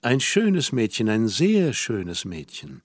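A man reading the part of a worldly, teasing young woman in an audiobook, gentle and lightly mocking. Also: mid-range voice, huge pitch swings, slow pace, dry recording, studio quality, pitched below the performer's own voice, exaggerated voice.

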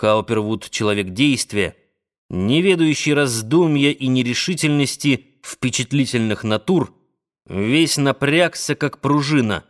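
A man narrating a novel as an audiobook in a measured, dramatic manner. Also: mid-range voice. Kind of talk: scripted literary narration.

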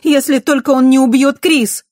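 A reader voicing a distraught young woman who speaks loudly and high, close to crying. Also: fairly quick, no echo, natural voice. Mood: frantic. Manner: loud, high, near shouting.

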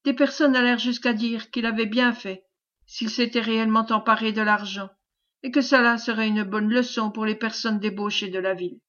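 A woman narrates a classic novel in an even, expressive audiobook reading. Her voice sits fairly high. The sound is dull and slightly lo-fi. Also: a little fast. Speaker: audiobook reader.

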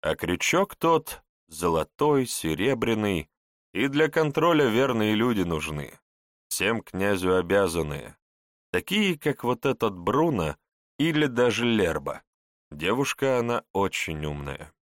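Man, audiobook narrator, lowish voice, measured, dry recording. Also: very animated, no room sound.

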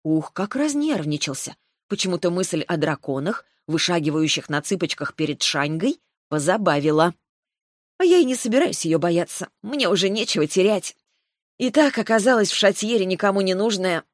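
A woman narrating a first-person fantasy audiobook in a wry, even storytelling manner. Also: on the low side, no room sound, studio quality.

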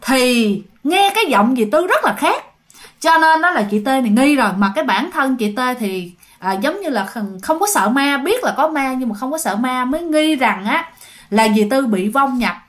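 High-voiced Southern Vietnamese woman storyteller. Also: animated, normal speed. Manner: chatty, addressing listeners directly. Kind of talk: told ghost story.

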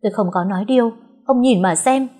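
A woman voicing a domineering middle-aged stepmother who scolds loudly in an audio story. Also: fairly high pitch, brisk, pitched above the performer's own voice, lightly acted. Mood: scolding. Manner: loud, scolding.

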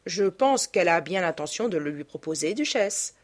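A woman's voice: on the low side, animated, moderate pace. A woman voicing a witty, cynical young aristocrat with a dry, ironic manner.

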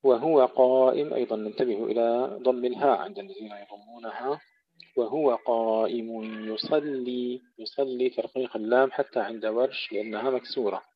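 A man leads a Quran recitation lesson, chanting verses slowly and melodically before breaking into quick, matter-of-fact explanations of pronunciation. His voice sits at an ordinary middle pitch. The recording sounds dull and lo-fi. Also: steady tone. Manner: slow melodic recitation alternating with brisk explanation.

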